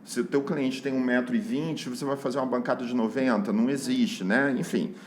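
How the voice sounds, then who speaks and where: A man's voice: mid-range voice, steady tone, a little fast, a crowd in the background. A man, a guest architect on a podcast, telling an anecdote casually and quoting dialogue.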